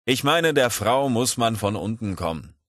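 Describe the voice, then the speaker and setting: A man's voice: medium pitch, animated, moderate pace, fairly bright tone, no room sound, clean studio sound, pitched above the performer's own voice. A man voicing a stubborn, pompous man who lectures his comrades in a raised, insistent, declaiming voice. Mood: puzzled.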